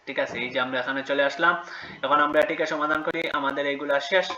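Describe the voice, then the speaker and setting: Bright-voiced man teaching children math. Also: a little high, fairly even intonation, fast talker, dull audio, a little hiss or hum. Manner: patient, asks questions and answers them himself. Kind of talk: step-by-step math lesson for children.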